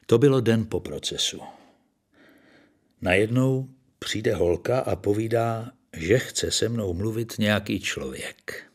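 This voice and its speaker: A man reading a story aloud in a dry, ironic storytelling manner. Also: fairly low pitch.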